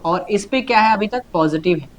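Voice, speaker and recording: A man's voice: sits high, expressive, fairly quick. Male chemistry teacher, repetitive questioning style. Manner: repetitive, answers his own questions, keeps urging students to note down. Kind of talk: classroom lecture.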